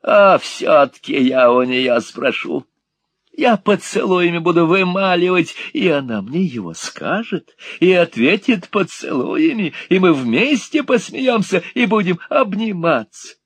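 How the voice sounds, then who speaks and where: Shrill cackling old miser. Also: male voice, sing-song, measured pace, slightly rough, no echo, full character voice. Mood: gloating. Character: old, ugly, gloating miser, male, spiteful.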